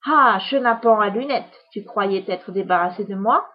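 A woman voicing a grandiose, spiteful female witch in a children's storybook reading, theatrical and loud with insults. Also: medium pitch, moderate pace, highs cut off, close to an everyday voice. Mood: furious. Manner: theatrical, shouting insults with relish.

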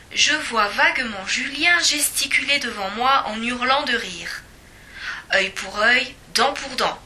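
A woman reads a children's storybook aloud with lively expression. Her voice is bright and fairly high, and she takes the words slowly and deliberately.

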